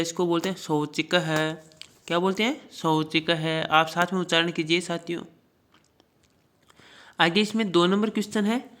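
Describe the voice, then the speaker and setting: Teacher drilling word pronunciations. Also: mid-range voice. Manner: slow repeated pronunciation drills; addresses children directly, checks with "ठीक है". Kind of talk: Sanskrit lesson explaining word meanings.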